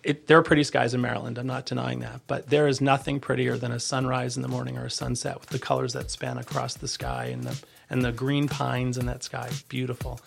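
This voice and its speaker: A man giving a conversational podcast interview as an agency leader, earnest and halting, often rephrasing as he goes. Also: medium pitch, flat delivery, creaky, husky, faint music behind.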